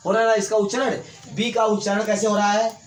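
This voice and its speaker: A man's voice: sits high, level tone, fast. A man teaching English grammar to a class, repeating points and quizzing his students. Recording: echoey room, faint hiss.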